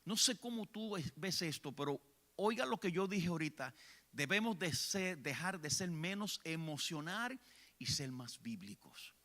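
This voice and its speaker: A man with a Puerto Rican accent preaching a church sermon, swinging between hushed lines and shouted ones. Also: a little high, lively intonation, unhurried. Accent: Puerto Rican Spanish. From Puerto Rico. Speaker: evangelist preacher. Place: church sanctuary.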